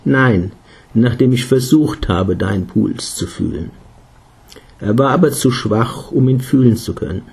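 A man voicing a husky, calm old guru. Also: mid-range voice, unhurried, exaggerated voice. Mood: explaining. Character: elderly Indian meditation guru, calm, caring.

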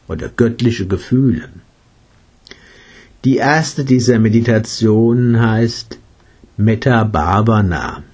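A man voicing a gentle, patient male meditation teacher who explains his practice in a read-aloud story. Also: lowish voice, breathy edge, full character voice.

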